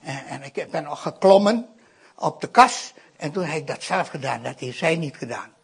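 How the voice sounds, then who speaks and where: A man's voice: on the high side, expressive, normal speed, creaky, breathy edge. A man from India gives a sermon-style testimony. He tells the story with animation, acts out the voices of the people in it, and keeps addressing his listeners directly. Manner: keeps addressing the audience with "I tell you".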